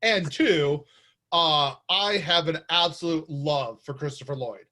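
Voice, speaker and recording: A man's voice: fairly high pitch, measured pace, sharp tone. A man hosting a casual chat, talking earnestly and thoughtfully about films. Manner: earnest, thoughtful film talk. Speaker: host.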